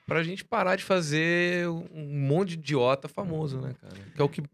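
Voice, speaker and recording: A man's voice: fairly high pitch, normal speed, creaky, fairly bright tone, no echo, clean studio sound. A man co-hosting a casual chat, talking frankly with plenty of swearing. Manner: frank, profane, agreeable. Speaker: podcast co-host, magician youtuber.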